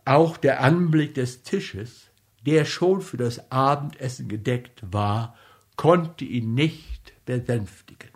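Man reading a story aloud, slow pace, measured, even narration. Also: medium pitch. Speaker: reader. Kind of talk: literary reading.

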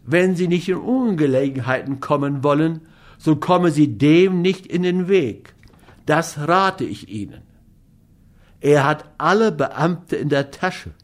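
A man's voice: a little high, expressive, measured pace. A man voicing an eager bystander who confidingly warns a stranger about someone powerful. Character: talkative bystander man giving advice.

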